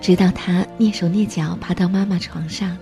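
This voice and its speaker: A woman reads a storybook aloud in a mellow, warm voice, gentle and even-paced throughout. Faint music plays softly underneath her narration. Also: on the low side, moderate pace. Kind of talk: storybook reading.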